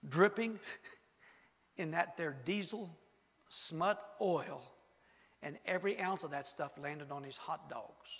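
A preacher tells a story from the pulpit, asking the congregation questions and acting out scenes as he goes. His voice sits a touch high for a man. It rings through the long reverb of a church sanctuary. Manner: animated, rhetorical questions, acts out the story. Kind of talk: sermon with storytelling.

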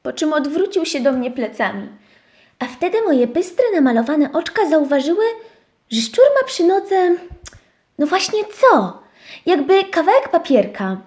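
A woman narrating a children's audio story in an expressive, unhurried way. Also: high voice.

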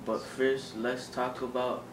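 A man's voice: medium pitch, little pitch movement, slow. Teenage boy newsreel co-host, echoey and noisy. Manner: reading from a script. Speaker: news co-host in a student skit. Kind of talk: scripted mock 1930s newsreel reporting. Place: room with a table, indoors. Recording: echoey, noisy room from a distance.

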